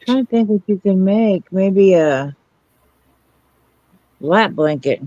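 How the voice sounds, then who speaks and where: A woman's voice: mid-range voice, animated, takes it slowly, dark tone, dry recording, dull audio. A woman chatting casually as the co-host of a livestream. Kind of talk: casual chat.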